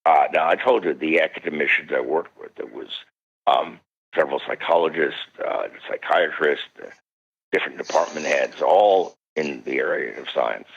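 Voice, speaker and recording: A very deep, husky older man, appearing as a parapsychologist guest, tells an animated story at normal speed. He voices the quoted characters and swoops high when excited, though the radio interview audio is dull and lo-fi.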